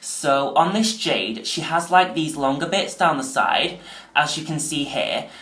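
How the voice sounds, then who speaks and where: A man's voice: a little high, unhurried, sharp tone. A man chatting casually through a doll-fixing tutorial, rambling with lots of "like" and "um", his voice ringing with the echo of a small tiled bathroom. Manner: chatty, filler-heavy, says "like" and "um" often. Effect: echoey tiled bathroom sound. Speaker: doll restoration vlogger. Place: home bathroom by the sink.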